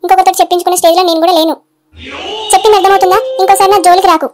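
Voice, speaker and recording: A woman's voice: extremely high pitch, fairly even intonation, racing, darkish tone. A woman voicing a defiant young sister-in-law in a cartoon, curt and scolding.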